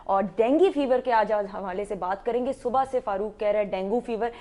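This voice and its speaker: A woman with a Pakistani accent co-hosting a morning talk show, lively and playful as she introduces the guest and asks questions. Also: medium pitch, a little fast.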